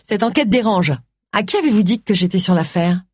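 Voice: mid-range voice, lively intonation, a little fast, a little mellow, husky, dry recording, clean studio sound, voice pushed up. Narrator putting on a snippy lady sleuth, voice jumps around a lot, audiobook. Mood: urgent. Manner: irritable, snappish. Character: sharp-tongued middle-aged woman detective. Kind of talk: audiobook character reading.

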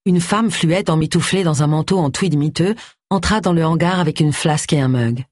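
An audiobook narrator reading a mystery novel in a measured, even storytelling voice. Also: mid-range voice, no echo, clean studio sound. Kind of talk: scripted narration of a cozy mystery.

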